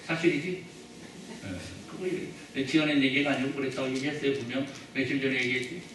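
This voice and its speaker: Chatty pastor in an echoey church. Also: male voice, mid-range voice, fairly even intonation, fairly quick, noisy background. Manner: chatty, joking, asks the congregation questions. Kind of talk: sermon. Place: church sanctuary. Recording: echoey church hall, mic at a distance.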